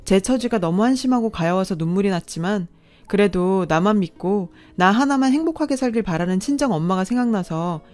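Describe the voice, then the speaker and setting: A woman's voice: medium pitch, animated, fairly quick, a little mellow. Woman narrating a radio drama story. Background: faint background music.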